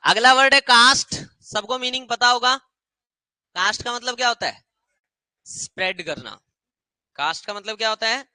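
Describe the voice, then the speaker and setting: A male grammar teacher with a high, very bright and forceful voice, recorded dry and close. He lectures in a lively way, repeats each word as a drill and stretches English phrases out slowly for his students. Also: no echo, poor audio. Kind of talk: classroom lecture.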